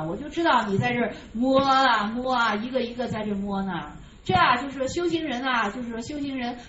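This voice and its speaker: A woman's high, bright voice carries a Chan Buddhist dharma talk. She draws out verse lines slowly, then turns to sharp, insistent rhetorical questions, repeating phrases again and again. The recording is roomy and a little dull. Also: background noise.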